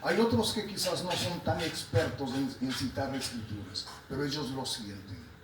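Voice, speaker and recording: A man from Peru with a Peruvian Spanish accent, giving a spiritual talk and telling stories about his teachers. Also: normal speed. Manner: storytelling, quoting his teachers, animated rises in pitch. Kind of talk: sermon. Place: talk in a room in Lima. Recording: roomy, distant mic, noisy background.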